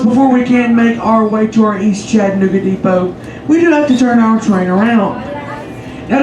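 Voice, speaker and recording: High-pitched male train guide announcing. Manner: projected, ceremonious train-announcer delivery. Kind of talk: scripted tour announcement to passengers. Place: aboard a train carriage. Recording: echoey, loud train noise.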